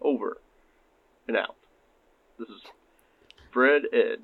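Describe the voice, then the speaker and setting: Guy doing a slow gravelly fire captain on a crackly police radio, deadpan, says over a lot. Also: medium pitch, no room sound. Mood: puzzled. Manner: halting, radio sign-offs, deadpan. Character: male assistant fire chief, lazy, fond of beer. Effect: police-style two-way radio. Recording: tinny radio line, dry.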